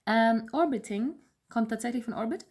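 A woman's voice: fairly high pitch, moderate pace, darkish tone. A young woman co-hosting a podcast, chatting casually and explaining dating terms in plain words. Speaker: podcast co-host. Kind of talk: casual chat.

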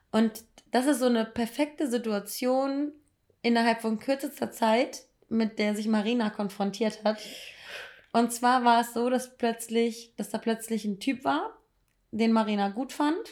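A woman co-hosting a podcast, telling a weekend story in casual chat with quick bursts of laughter. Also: on the high side, fairly even intonation, a little mellow. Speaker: podcast co-host.

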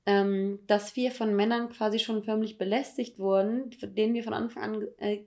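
A woman's voice: mid-range voice, level tone, normal speed, a little mellow. A young adult woman co-hosting a podcast, talking in a blunt, slangy, emphatic way. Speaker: podcast co-host. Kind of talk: casual chat.

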